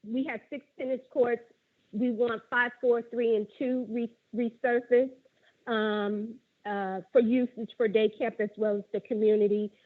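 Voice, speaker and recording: A woman's voice: on the high side, level tone, a little slow. A middle-aged woman calling in by phone to a public forum, earnestly working through her prepared points one by one. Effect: tinny phone line. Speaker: caller at a public budget forum. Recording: narrow phone-line audio.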